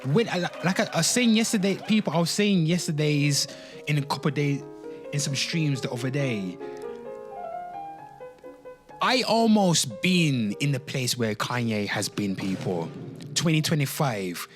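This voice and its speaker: With a fairly high, expressive voice at a measured pace, a man comments on a livestream over background music. He shares opinions emphatically, repeats himself, speaks directly to his audience, swears at times, and reads some material aloud.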